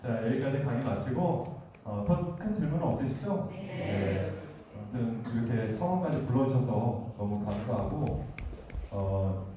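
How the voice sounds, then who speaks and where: Captured at a distance in an echoey meeting hall with a noisy background, a man lectures conversationally as a guest speaker and frequently asks the audience questions. His mid-range voice is expressive and a little slow.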